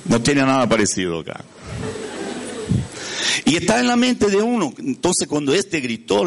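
A man from Brazil with a Brazilian Portuguese accent, a native Portuguese speaker, preaching a storytelling sermon in Spanish. He often asks his listeners questions and searches for words. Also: mid-range voice.

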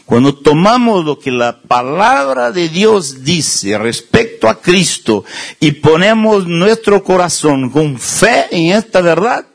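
Male preacher, lively husky delivery, conversational sermon. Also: high voice, slow. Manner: conversational, self-deprecating humor, acts out quoted voices.

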